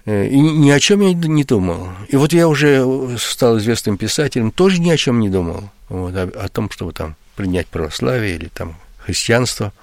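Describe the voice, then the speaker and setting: An older man speaks as a guest on a radio interview. He talks haltingly, with many pauses and restarts. The sound is dry and close, at a medium pitch. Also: animated, a little mellow, no room sound. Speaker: writer and guest.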